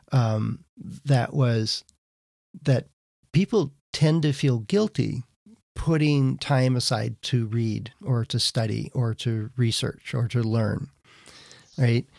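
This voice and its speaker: Middle-aged man, gravelly voice, animated casual host, dry recording. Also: mid-range voice, no echo. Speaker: podcast host. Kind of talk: casual interview chat.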